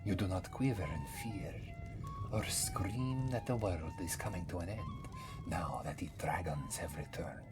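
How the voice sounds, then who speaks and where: For an ASMR fantasy roleplay, a man with a deep voice plays a mysterious old Khajiit cat-man wanderer, wry, world-weary and teasing. He rambles in a breathy half-whisper, speaks of himself in the third person and uses theatrical pauses, his mood grave and storytelling, over prominent background music.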